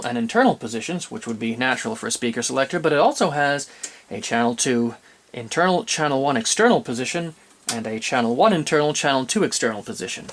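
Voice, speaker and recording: A medium-pitched man gives an unscripted, methodical demonstration of vintage audio gear. He explains each step in turn and corrects himself as he goes.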